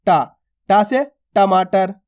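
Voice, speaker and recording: A man giving an alphabet reading lesson. He stretches each letter sound slowly and carefully, then repeats simple example words. He talks to his viewers as friends and keeps asking whether they have understood. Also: high voice, darkish tone. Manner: addresses listeners as friends and asks if they follow. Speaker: Hindi reading teacher.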